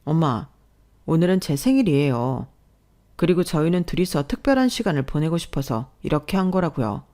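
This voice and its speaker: A woman's voice: sits low, lively intonation, brisk, dark tone. A woman reading as a firm young husband. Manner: firm, restrained.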